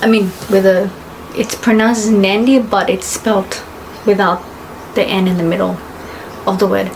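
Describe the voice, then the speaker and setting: A woman's voice: mid-range voice, normal speed. Rambling young woman vlogger, noisy background. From Fiji. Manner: rambling, full of fillers and self-corrections. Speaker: travel vlogger. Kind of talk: casual to-camera chat. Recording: steady background noise.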